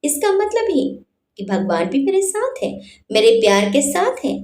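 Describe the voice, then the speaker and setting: A woman's voice: sits high, wildly swooping pitch, moderate pace, a little mellow, roomy sound. A woman voicing a scornful young man, a rival in love, who mocks and lectures in a storybook reading. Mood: contemptuous. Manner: mocking, contemptuous.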